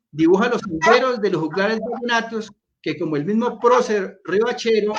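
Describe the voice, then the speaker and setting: A male moderator with a notably high voice reads a book's back-cover text in a steady, formal manner. The sound is muffled and lo-fi. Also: noisy background. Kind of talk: reading aloud and hosting a panel. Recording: dull lo-fi audio.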